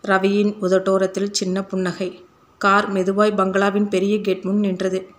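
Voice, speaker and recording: A woman reading a romance novel aloud as an audiobook narrator, with a steady, even delivery. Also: medium pitch, moderate pace.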